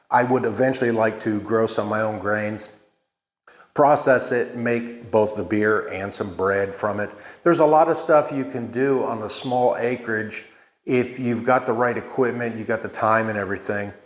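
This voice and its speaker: A man talking casually and unscripted as he hosts a walk-through vlog, explaining things in a plain-spoken, halting way. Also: lowish voice. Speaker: vlog host, small farm winemaker. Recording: echoey bare room or open space.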